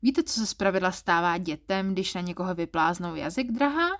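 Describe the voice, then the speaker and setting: A woman's voice: on the low side, a bit bright. A woman reading the lines of a smug, flirtatious male office clerk who teases with suggestive double meanings in an erotic story. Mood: teasing.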